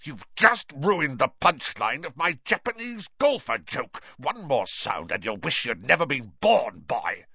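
A gruff, bullying middle-aged uncle, as a man puts him on, snarling through gritted teeth with a swinging, animated pitch. The delivery is hostile and menacing. The sound is dull and dry. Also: measured pace, few pauses, dry recording, heavily acted. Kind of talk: audiobook reading.

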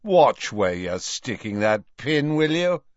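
A man's voice: mid-range voice, sing-song, takes it slowly, no room sound, highs cut off, voice pushed up. Man playing a sneering, spoilt teenage boy. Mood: petulant. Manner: drawling, sneering.

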